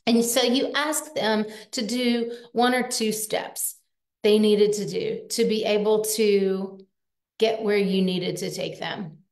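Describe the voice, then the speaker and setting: A woman of medium pitch gives a live-streamed coaching talk in an earnest, empathetic way. She keeps it conversational and leans on rhetorical questions. The room around her adds a noticeable echo. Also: steady tone, takes it slowly, gravelly, darkish tone. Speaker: parenting coach. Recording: roomy echo.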